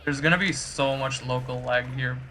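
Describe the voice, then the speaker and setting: A man with a bright, forward voice hosts a community game session. He talks casually and organizes the players over online voice chat, with faint noise behind him. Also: medium pitch, steady tone, moderate pace. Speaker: community game event host.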